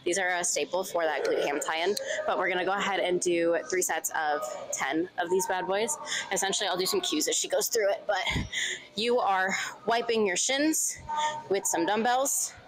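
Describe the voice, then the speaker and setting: Lower-pitched young woman, noisy recording. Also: normal speed. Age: young adult. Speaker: fitness trainer and vlogger. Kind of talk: casual vlog talk and exercise explanation. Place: indoors in a gym. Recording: noisy gym with loud background noise.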